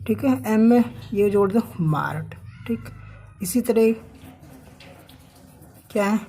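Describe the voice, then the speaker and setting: Slow, patient woman teacher. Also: fairly high pitch, fairly even intonation, mellow, faint music behind. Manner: asks questions, then answers them herself; spells out words letter by letter. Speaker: English teacher. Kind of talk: slow classroom explanation with questions.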